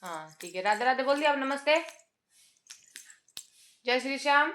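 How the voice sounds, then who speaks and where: Bright-voiced young woman vlogging at home. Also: sits high, expressive, normal speed. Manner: coos and baby-talks to her infant son. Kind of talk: casual home vlog talking to camera.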